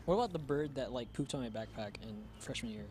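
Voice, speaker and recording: A young man co-hosting a casual student TV chat, speaking into a handheld microphone with dry, deadpan asides. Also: medium pitch, quick pace, slight background noise. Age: young adult. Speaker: co-host. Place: college TV studio.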